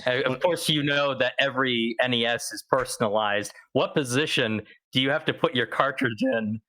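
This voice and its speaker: Young male podcast guest, bright voice, rambling casual chat. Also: mid-range voice, normal speed, low-quality recording. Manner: chatty, rambling, with fillers and laughs.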